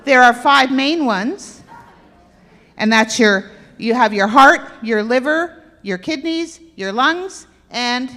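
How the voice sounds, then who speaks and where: A woman with a somewhat high voice gives a lively workshop talk, teasing and quizzing the crowd as she goes. Her voice echoes through a big hall with a long reverb tail. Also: slow. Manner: playful, quizzes the audience. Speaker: health workshop presenter. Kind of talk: interactive talk to an audience. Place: church hall with stage and aisle.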